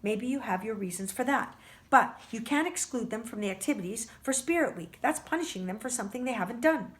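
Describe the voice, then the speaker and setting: A woman reading aloud as a gruff, stubborn male middle-school teacher who speaks sharply. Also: a little high, expressive, brisk, natural voice.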